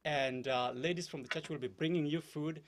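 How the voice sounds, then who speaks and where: A man's voice: a little high, steady tone, normal speed. A man in his thirties from Kenya with a Kenyan accent, a guest in an interview, earnest and hesitant, with many fillers. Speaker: political candidate guest. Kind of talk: interview conversation.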